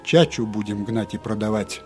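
A man voicing a sly scheming swindler who answers briskly and conspiratorially. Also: on the low side, soft background music, lightly acted.

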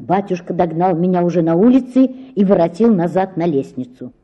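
A woman narrating a literary audiobook in an expressive, emotional way, on a dull lo-fi recording. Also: fairly low pitch, fairly quick.

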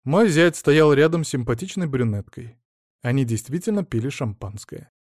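A meek little old husband, as a male narrator plays him, speaking softly and resignedly, never raising his voice. The reading sounds close and dry. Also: medium pitch, expressive, moderate pace, no room sound. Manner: soft, resigned, mild. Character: meek, quiet elderly husband, small and submissive.

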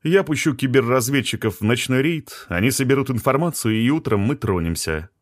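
A man's voice: mid-range voice, expressive, fairly quick, dry recording, natural voice. Man reading a curt young expedition leader. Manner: curt, clipped.

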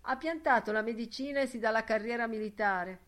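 A woman's voice: fairly high pitch, brisk, fairly bright tone, voice pushed up, lightly acted. A woman reading an audiobook voices a chatty young man trading gossip. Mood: gossipy.

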